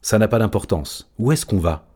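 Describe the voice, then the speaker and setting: A man's voice: lowish voice, lively intonation, normal speed, warm tone, slightly rough, voice pushed up. A man doing a big, earnest tomcat. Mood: urgent. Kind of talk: audiobook reading.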